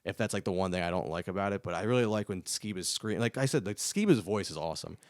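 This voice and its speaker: A man co-hosting a podcast, chatting casually about an album, excitable and prone to disbelieving exclamations. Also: low-pitched, fast, no echo, studio quality. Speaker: podcast co-host. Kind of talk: casual music review chat.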